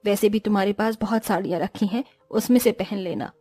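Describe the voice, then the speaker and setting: A woman's voice: medium pitch, a little fast, mellow, no echo, soft background music, pitched below the performer's own voice, natural voice. A woman voicing a stingy, bossy middle-aged mother-in-law in a cartoon story, with a grumbling way of talking.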